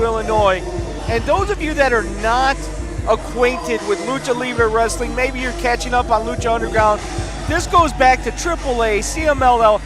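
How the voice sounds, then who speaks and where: A man doing live wrestling commentary with an excitable, emphatic delivery. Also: extremely high pitch. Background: music.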